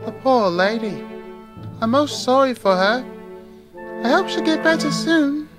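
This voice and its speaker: Thomas, a cheerful, eager young tank engine as voiced by a man, sounds high and a bit strained, like he is always pushing hard. He comes across lively and full of heart. This is a homemade audio drama with loud music under him. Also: a little slow. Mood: concerned.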